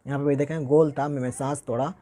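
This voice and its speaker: A man teaching Quran reading, reciting each word slowly and carefully and explaining pronunciation. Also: medium pitch, level tone, warm tone.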